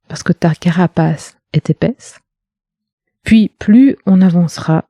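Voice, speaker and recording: A woman's voice: fairly low pitch, warm tone, dry recording, studio quality. A woman, a podcast host and communication coach, reading a scripted poetic monologue in an intimate, questioning tone that speaks straight to the listener.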